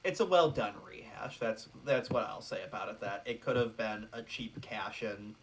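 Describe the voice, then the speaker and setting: A man co-hosting a casual film commentary podcast, chatting with quick asides and a lot of "like". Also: lowish voice, lively intonation, a little hiss or hum. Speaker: podcast co-host.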